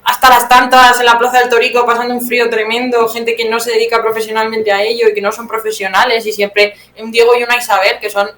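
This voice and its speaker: Speaking quickly with few pauses, this Spanish woman from Teruel has a fairly high, level, slightly bright voice. As a guest playwright in a conversational interview, she reflects and corrects herself as she goes, against roomy echo and some background noise.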